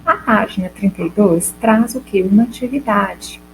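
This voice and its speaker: A woman's voice: medium pitch, moderate pace, background noise. A Brazilian Portuguese-speaking woman teacher giving a recorded class lesson, explaining step by step and asking the class questions she then answers herself. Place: classroom or home for a school video lesson.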